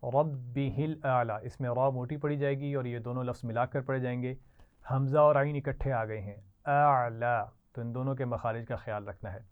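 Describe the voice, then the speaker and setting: A woman teaching Quran recitation to children, modelling each word slowly for the class to repeat. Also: very deep voice, steady tone, clear, resonant tone. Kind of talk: slow call-and-response recitation lesson. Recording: tinny lo-fi online class audio.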